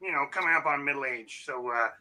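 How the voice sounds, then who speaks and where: A man voicing a friendly, middle-aged male closet monster who talks haltingly with lots of uh. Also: mid-range voice, over a noisy crowd, close to an everyday voice, low-quality recording. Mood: easygoing. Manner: halting, says uh a lot, mild and polite.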